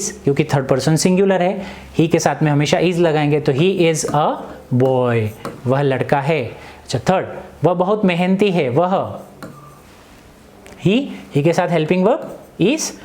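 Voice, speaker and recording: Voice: medium pitch, darkish tone. An English teacher explaining grammar in Hindi, asking questions and answering them himself, with repetition drills.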